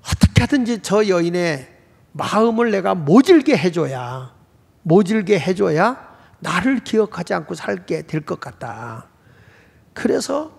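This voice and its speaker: A man voicing a dying old husband, quoted in a low, slowed voice within a sermon. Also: vocal fry, darkish tone, slightly rough, full character voice. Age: older. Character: dying old man, gruff yet tender. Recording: reverberant church hall.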